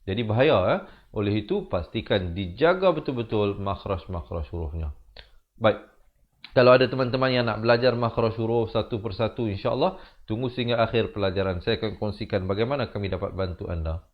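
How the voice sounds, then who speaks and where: A man's voice: on the low side, a little fast. Malaysian man teaching Quran recitation, lo-fi. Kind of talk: tajwid lesson, explaining and demonstrating recitation.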